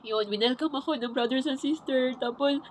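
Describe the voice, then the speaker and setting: A woman telling her personal faith testimony in a halting, repetitive way, often restarting her sentences. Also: high voice, slight background noise, poor audio. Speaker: churchgoer sharing her testimony.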